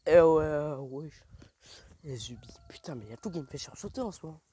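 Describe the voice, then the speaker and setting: A man's voice: a little high, expressive, normal speed, mellow, slightly rough. Slangy young man vlogging at night. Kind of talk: rambling casual vlog. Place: outdoors at night in a dark village. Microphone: phone held while walking.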